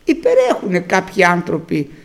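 A man's voice: high-pitched, creaky. A man preaching a sermon, telling stories and acting out the people he quotes. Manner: storytelling, lively retelling with acted quotes.

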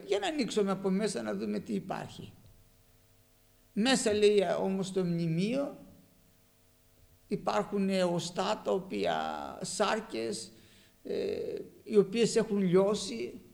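Gravelly-voiced male preacher, impassioned sermon delivery, high and lively. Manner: impassioned, swings between loud emphasis and quiet asides.

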